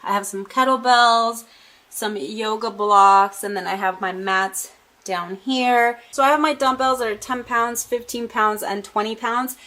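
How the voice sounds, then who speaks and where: A woman's voice: on the high side, fairly even intonation, a little slow, pushed and bright. A woman fitness vlogger chatting casually at home as she shows her workout gear. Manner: chatty, loose and friendly, with many fillers. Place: home workout corner indoors.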